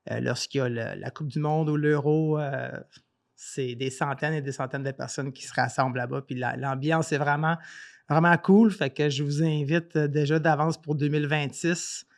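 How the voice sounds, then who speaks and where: A man with a Québécois accent, a podcast guest talking in a relaxed, hesitant way with many fillers. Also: a little high, normal speed, gravelly. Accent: Québécois French. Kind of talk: casual podcast interview.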